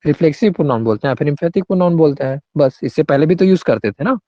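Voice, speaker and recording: A man's voice: fairly high pitch, animated, racing, lo-fi sound, noisy background. A male English grammar teacher, explaining rules in an online class and often checking in with students by name.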